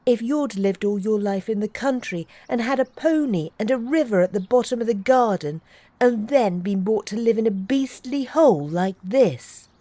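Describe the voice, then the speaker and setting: A woman's voice: a little high, animated, moderate pace, dark tone, no echo. A woman voicing an unhappy young boy who speaks in an earnest, wound-up way. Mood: upset.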